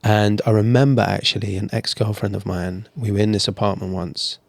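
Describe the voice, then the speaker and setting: A man talks openly about his own past as a guest, casual and chatty, often restarting his sentences. His voice sits a little low. The sound is dry, with no room echo. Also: level tone, fairly quick, gravelly. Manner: candid, chatty, frequent restarts. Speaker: podcast guest. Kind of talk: casual interview storytelling.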